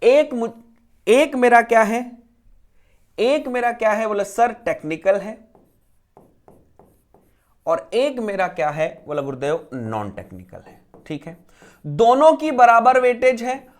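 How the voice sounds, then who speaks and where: Animated male coaching teacher. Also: very high voice, takes it slowly, long pauses. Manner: asks and answers his own rhetorical questions, repeats key phrases. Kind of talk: exam preparation lecture.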